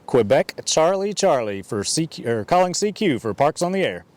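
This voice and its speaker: A man making a ham radio call outdoors, reciting his call sign in phonetic alphabet over and over with a steady rhythm. His voice sits a little high for a man, with faint noise behind it. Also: normal speed. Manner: steady, repetitive radio procedure cadence. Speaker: amateur radio operator. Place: outdoors in a park.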